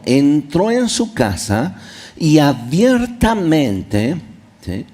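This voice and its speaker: A male pastor preaching a sermon in a church, reading Bible verses aloud and explaining them, with sudden loud rises and soft drops. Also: mid-range voice.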